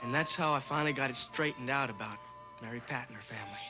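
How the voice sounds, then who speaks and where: A man's voice: medium pitch, quick pace, over music, close to an everyday voice. A man playing a young adult son in a television drama, casual, frank and affectionate with a wry edge. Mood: frank, reflective.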